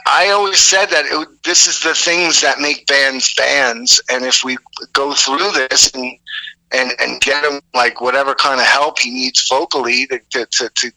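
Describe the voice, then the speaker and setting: A man's voice: medium pitch, sharp tone, dry recording. A man talking over a phone line as an interview guest, rambling with many fillers and restarts. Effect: heard over a phone line. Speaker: musician guest.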